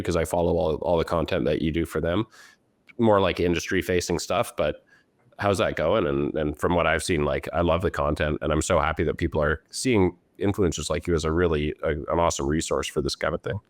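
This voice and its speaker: Super deep voiced guy hosting a podcast, upbeat, dry close mic. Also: fairly even intonation, brisk, no room sound. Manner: upbeat, enthusiastic, praising. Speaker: podcast host. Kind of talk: casual podcast interview.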